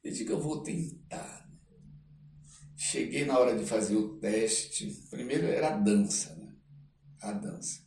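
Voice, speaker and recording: A Brazilian man from the Amazon, speaking in a medium-pitched, creaky voice, casually tells anecdotes as a guest artist and actor recounting his life in an interview. He's animated, acting out dialogue and speaking haltingly, often tagging phrases with "né". The recording has a roomy echo, a distant mic and faint noise.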